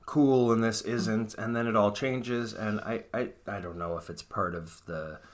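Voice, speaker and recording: A man's voice: on the low side, measured pace. A man in his forties from Northern California, co-hosting a podcast in casual chat, joking and teasing. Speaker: podcast co-host.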